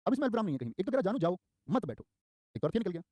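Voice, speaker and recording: A man's voice: high-pitched, very animated, racing, dark tone, no room sound, studio quality. A young man teaching Hindi grammar in a live online exam-prep class, quizzing his students and repeating key terms with lots of energy. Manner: acts out short quoted lines in a raised voice.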